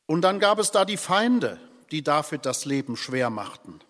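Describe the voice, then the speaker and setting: A man preaching a sermon as pastor, solemn and deliberate, his loudness rising and falling. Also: on the high side, sing-song. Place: church. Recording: long church reverb.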